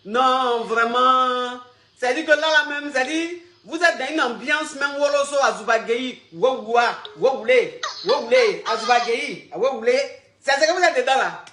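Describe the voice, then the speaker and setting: A woman's voice: sits high, moderate pace, fairly bright tone, roomy sound. A woman, coaching callers on a live stream in a crude, teasing, repetitive way and often laughing. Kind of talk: livestream advice chat.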